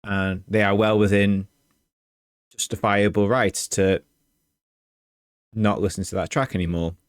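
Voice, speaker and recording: A man co-hosting a podcast, talking in a measured, reflective way. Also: fairly low pitch, fairly even intonation, clear, resonant tone, no room sound, studio quality. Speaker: podcast co-host. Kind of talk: casual chat about game music.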